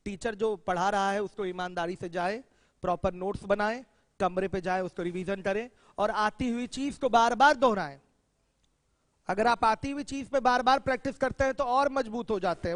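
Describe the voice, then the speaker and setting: A man's voice: sits high, no echo, long reverb tail. A man teaching a maths class, quizzing students with questions as he explains. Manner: addresses students directly with questions, emphatic. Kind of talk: classroom lecture.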